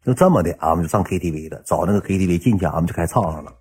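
A man with a Northeastern Mandarin accent telling a comic story in a casual, animated way. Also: very fast, husky. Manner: animated, switches into high voices when quoting others.

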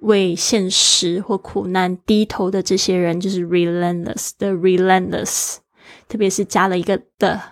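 A woman's voice: lowish voice, little pitch movement, unhurried, no room sound, clean studio sound. A woman teaching a daily English lesson, spelling words letter by letter in an encouraging way.

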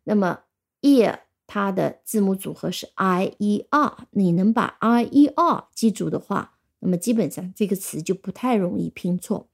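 A woman's voice: mid-range voice, animated, normal speed, gravelly. A woman teaching an English vocabulary lesson, patiently explaining words, spelling them out letter by letter and repeating examples.

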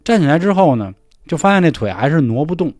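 A man telling a ghost story in casual chat, acting out the dialogue in hushed voices. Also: a little high, very animated, fast talker, dry recording, studio quality. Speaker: podcast storyteller.

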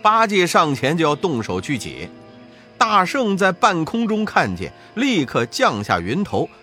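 A man narrating a classic storybook tale with expressive rises and falls. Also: on the high side, measured pace, faint music behind. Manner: expressive, rising and falling for effect.

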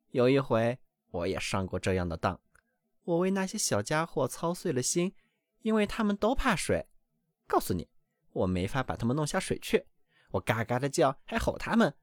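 A man's voice: medium pitch, no echo, studio quality, close to an everyday voice. A man voicing a knowing old visiting female duck in a storybook reading, giving blunt, know-it-all advice.

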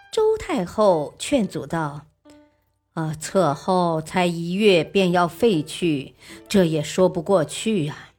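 A woman narrating a scripted history story in a measured, expressive reading. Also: medium pitch, breathy edge. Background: faint music.

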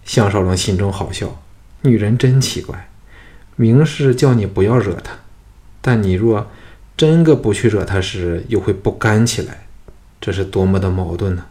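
A man narrating a novel in a steady, even storytelling voice. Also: fairly low pitch, moderate pace. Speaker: audiobook narrator.

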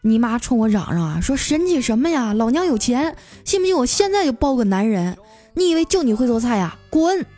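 A woman's voice: on the high side, fast, few pauses, warm tone, soft background music. A woman voicing an aggrieved, henpecked middle-aged father who complains in a self-pitying way.

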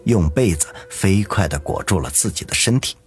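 A man narrating an audiobook in a lively, dramatic storytelling manner. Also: sits low, moderate pace, slightly rough, soft background music.

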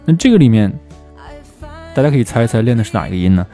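A man teaching English pronunciation, who slows down to drill phrases again and again. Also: mid-range voice, animated, mellow, soft background music. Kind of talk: spoken language lesson.

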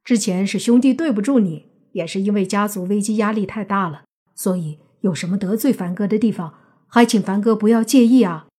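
A woman voicing a fawning young man who flatters in a bright, ingratiating way, husky-toned. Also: medium pitch, a little fast, close to an everyday voice.

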